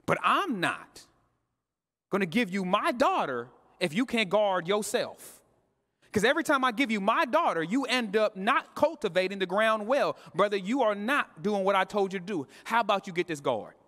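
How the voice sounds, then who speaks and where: A man's voice: sits high, big pitch swings, normal speed, pushed and bright. A male pastor preaching a live sermon, talking straight to his congregation in a casual, slangy way. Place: church sanctuary. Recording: long reverb of a church hall.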